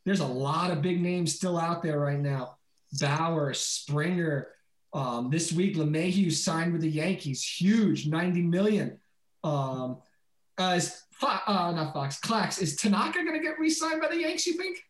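A man co-hosting a casual sports podcast, teasing his friends with quick, animated talk. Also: a little high, roomy sound. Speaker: podcast co-host.

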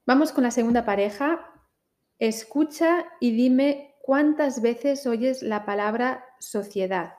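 A woman teaching pronunciation, saying each word slowly and carefully in a listening drill. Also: fairly high pitch, darkish tone. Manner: very slow, carefully articulated minimal pairs.

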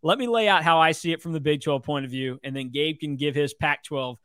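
A man's voice: fairly high pitch, a little fast, fairly bright tone, clean tone, no room sound, clean studio sound. A man co-hosting a sports talk podcast, making an impassioned, argumentative case and mimicking others' reactions.

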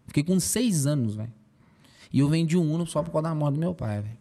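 A young man, a podcast guest telling a personal story in an emotional, animated way with lots of slang fillers. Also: fairly high pitch, fast talker.

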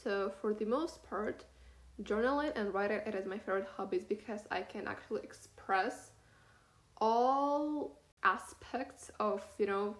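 A woman's voice: medium pitch, measured pace. Chatty teenage girl podcasting, echoey room. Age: teens. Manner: chatty, rambling, many fillers and "you know". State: talking through a sore cut cheek from braces. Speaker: podcast host. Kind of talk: casual solo podcast monologue.

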